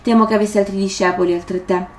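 Cold scheming roman governor, read by a woman, steady reading voice, roomy echo. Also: mid-range voice, fast, natural voice.

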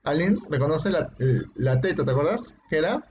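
High-voiced male teacher, muffled recording. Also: expressive, darkish tone. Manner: explains patiently and often ends phrases with "¿no?"; demonstrates sounds by repeating them slowly. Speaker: phonetics teacher. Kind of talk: classroom lecture. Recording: muffled lo-fi recording with faint noise and clicks.

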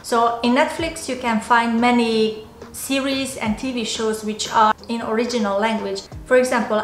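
Speaking a little high, a Hungarian-accented YouTuber in her twenties explains tips to the camera in a casual vlog. She is earnest and methodical, with slightly non-native phrasing. The small home office sounds roomy, and faint music plays.

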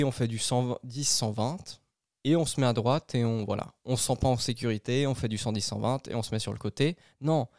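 A man's voice: mid-range voice, darkish tone, no room sound, studio quality. A man with a Swiss French accent hosting a casual solo podcast, rambling and chatty with many restarts. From Switzerland. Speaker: podcast host.

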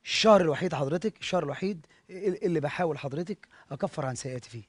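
A man's voice: fairly high pitch, lively intonation, very fast, slightly rough, no room sound. A man in his thirties with an Egyptian accent, a guest on a studio talk show, polite but defensive. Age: 30s. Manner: deferential yet defensive, repeating polite address. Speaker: guest singer.

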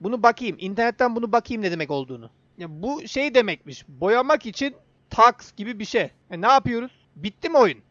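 A man's voice: very high voice, big pitch swings, fast talker, a bit bright, no room sound, dull audio. A young man giving casual gameplay commentary, chatting to the game character and to viewers. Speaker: gaming YouTuber.

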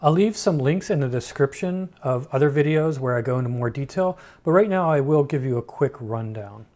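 Frank man explaining software steps. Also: medium pitch, animated, fairly quick. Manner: frank, dryly humorous, explanatory. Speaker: tutorial host. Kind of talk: screen-recorded software tutorial.

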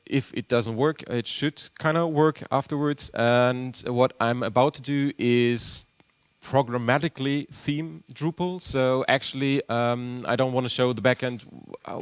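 Thirtyish German developer presenting at a conference, smooth clear voice, dry close sound, casual with lots of "uh" and questions to the room. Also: male voice, mid-range voice, no echo. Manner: loose and chatty, frequent fillers and restarts, quizzes the audience. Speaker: conference speaker, web developer. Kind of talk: conference tech talk with live demo. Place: large lecture room with audience.

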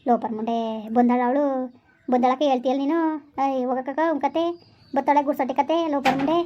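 A woman playing a sharp-tongued middle-aged village woman who sighs and gossips. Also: high voice, steady tone, quick pace, muffled recording, lightly acted. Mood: scornful. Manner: sighing, lamenting, gossipy.

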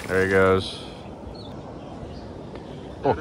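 A young man with a lowish voice chats his way through a fishing trip, recorded on a camera mic outdoors by a dam. His tone stays easygoing and casual but perks up when a fish bites. A faint hum of wind and water sits behind him. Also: very slow. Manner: laid-back, excitable when fish bite. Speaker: fishing vlogger. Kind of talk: casual outdoor vlog narration.

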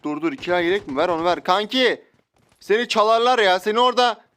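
A young man giving loud, joking commentary while playing a shooter game, often shouting out at sudden moments. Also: high-pitched, fast, clean tone. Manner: loud outbursts, joking, slangy. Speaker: gaming YouTuber. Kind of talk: excited gameplay commentary. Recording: faint game sounds and gunfire.

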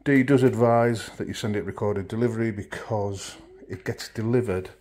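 Sitting indoors in his home kitchen, a middle-aged van life vlogger chats in a matter-of-fact way while walking through paperwork for a casual vlog. His lowish voice has fairly even intonation and a moderate pace, a little mellow, and a chest infection has made it a bit throaty.

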